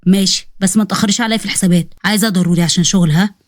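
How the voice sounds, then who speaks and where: A woman's voice: medium pitch, fairly even intonation, dry recording, studio quality, close to an everyday voice. Othman, a woman voicing a teasing young shopkeeper. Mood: friendly. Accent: Egyptian Arabic. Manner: playful teasing, quick banter. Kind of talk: storybook dialogue reading.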